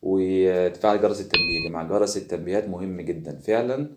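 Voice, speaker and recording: A man's voice: low voice, fast, reverberant, heavy background noise. A man with an Egyptian Arabic accent teaching an online pronunciation lesson, repeating each word several times so the listener can copy it. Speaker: language teacher.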